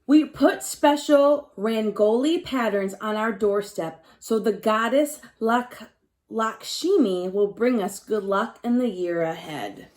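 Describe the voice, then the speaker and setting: Reading a picture book to young pupils, a woman teacher speaks slowly in a slightly high, somewhat mellow voice. She breaks off for simple explanations, leans on key words, and addresses questions straight to the kids.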